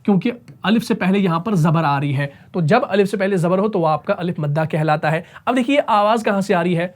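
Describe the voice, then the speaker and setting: A man teaching Quran recitation rules in a slow, deliberate way. He keeps checking that his students follow and demonstrates long, drawn-out recited vowels. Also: sits high, expressive. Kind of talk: tajweed lesson explanation.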